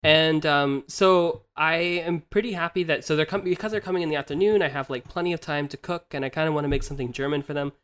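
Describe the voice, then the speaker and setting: A man's voice: fairly high pitch, quick pace, few pauses, fairly bright tone, smooth. A young man co-hosting a podcast in casual chat, laughing often and restarting his sentences. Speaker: podcast co-host. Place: living in Germany, from the US.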